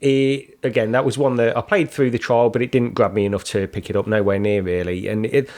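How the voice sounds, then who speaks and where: A man co-hosting a podcast in relaxed, agreeable chat, steering the talk along to the next topic. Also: fairly low pitch, fairly quick. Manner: easygoing, agreeable, steers the conversation. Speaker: podcast co-host.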